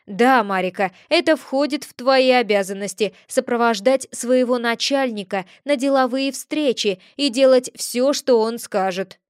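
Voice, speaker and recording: A woman voicing a calm, commanding male high mage who speaks in a measured way. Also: clean tone, dry recording, studio quality, natural voice.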